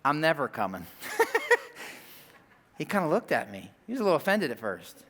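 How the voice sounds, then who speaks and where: A man's voice: a little high, huge pitch swings, moderate pace, a bit bright. A middle-aged man preaching a sermon as pastor, telling personal stories in a conversational way with frequent asides to the congregation. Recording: long reverb of a church hall.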